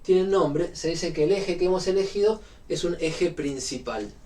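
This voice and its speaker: A man's voice: on the high side, moderate pace, warm tone, distant mic. A man with a Rioplatense Spanish accent giving a university physics lecture, explaining step by step with frequent fillers.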